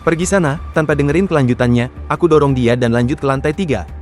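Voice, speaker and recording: A man's voice: mid-range voice, quick pace, slight background noise. A man narrating a horror comic recap in the first person, in a casual, slangy storytelling manner.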